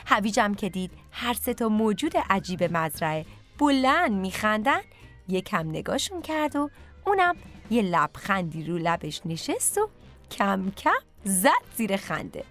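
A woman's voice: medium pitch, sing-song, a bit bright, faint music behind. A woman narrating a bedtime story for children and speaking directly to them.

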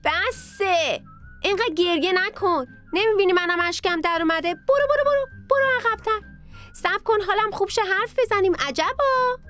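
A woman's voice: high-pitched, expressive, fairly bright tone, soft background music, pitched above the performer's own voice. A woman voicing a grumpy, impatient potato creature in a children's story, bossy and exasperated.

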